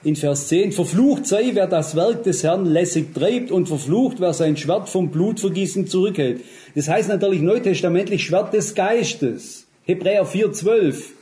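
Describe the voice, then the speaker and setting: Lebhafter Prediger, mild klingende Stimme. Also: male voice, sits high, a little slow. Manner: lively, shifts between emphatic and hushed. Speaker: preacher. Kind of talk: sermon.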